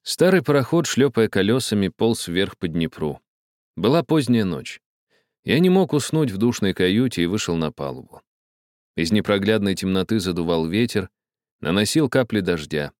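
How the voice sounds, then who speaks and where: Man, story narrator, expressive reading, lively pitch. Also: normal speed, no room sound, clean studio sound.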